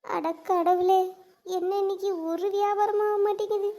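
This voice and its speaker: A woman's voice: very high-pitched, level tone, moderate pace, mellow. A woman voicing a frazzled young woman running a chicken stall, chatty and complaining, with a southern Tamil Nadu accent. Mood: chatty, grumbling.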